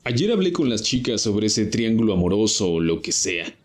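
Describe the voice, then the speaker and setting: A man voicing a calm, scheming young male camper who talks matter-of-factly in a confessional monologue. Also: lowish voice, moderate pace, music in the background. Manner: matter-of-fact, calculating.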